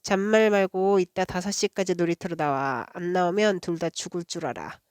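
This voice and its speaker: A woman voicing a rough schoolboy bully in a storybook read-aloud, giving blunt menacing orders. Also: on the low side, moderate pace, a little mellow, no room sound, clean studio sound, close to an everyday voice. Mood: threatening. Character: rough boy bully, threatening.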